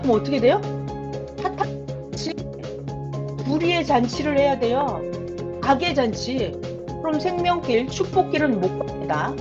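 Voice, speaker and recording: A woman preaching a sermon emphatically, calling out prayers with force. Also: sits high. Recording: dull lo-fi sound with faint music.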